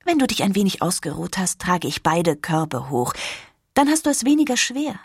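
A woman voicing an excitable young woman, a best friend, with a high squealing voice. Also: moderate pace, breathy edge, dry recording, clean studio sound, heavily acted. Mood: tender.

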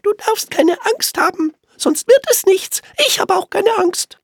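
Storybook doe: a bossy, proud girl deer, squeaky high. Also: a little slow, gravelly, dry recording, studio quality, full character voice. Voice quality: very high, bright girlish voice. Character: haughty young doe, showing off.

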